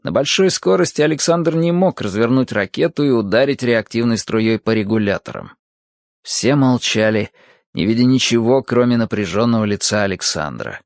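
A man narrating a science-fiction story in a measured, even storytelling manner. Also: medium pitch, no room sound, studio quality. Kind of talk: audiobook reading of science fiction.

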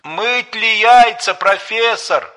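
A man's voice: mid-range voice, very animated, unhurried, slightly rough, long reverb tail, heavily acted. A man voicing an eager, naive provincial farm manager who fusses and bosses people around. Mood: anxious. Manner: fussing, bossy.

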